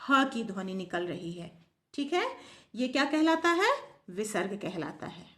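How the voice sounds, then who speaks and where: Teacher quizzing and answering herself. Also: female voice, mid-range voice, very animated, a little slow, fairly bright tone. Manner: asks a question, then answers it herself. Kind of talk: grammar lesson to pupils. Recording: echoey room.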